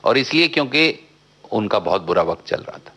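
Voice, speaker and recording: A man, a filmmaker guest, telling a long anecdote in a radio interview, outspoken and animated, slipping English phrases into his talk. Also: fairly low pitch, normal speed. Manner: animated storyteller, mixes English phrases into Hindi; talkative and outspoken.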